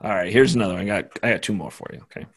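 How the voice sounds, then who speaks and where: Low gravelly male podcast host. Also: rapid-fire. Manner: jokey, laughs between sentences. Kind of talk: casual chat, reading news stories aloud.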